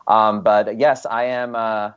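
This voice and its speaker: Being interviewed, this young LA actor talks casually and wanders a bit, filling his speech with ums and you-knows. He speaks slowly in a lowish, smooth voice, and the audio has a dull, lo-fi quality.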